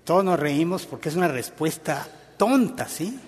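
A man's voice: fairly high pitch, sing-song, normal speed, in a large hall, a little hiss or hum. A man preaching a sermon in a conversational, storytelling way.

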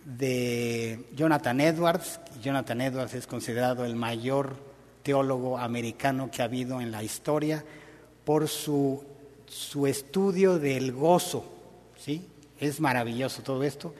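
A man's voice: medium pitch, unhurried, darkish tone, long reverb tail. A man preaching a sermon in a conversational, storytelling way.

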